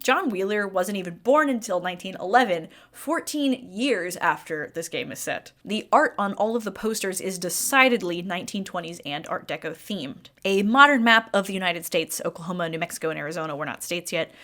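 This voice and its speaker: A woman's voice: fairly low pitch, lively intonation, a little fast, hardly any pauses, pushed and bright. A woman giving scripted, opinionated video-essay commentary as a critical game reviewer.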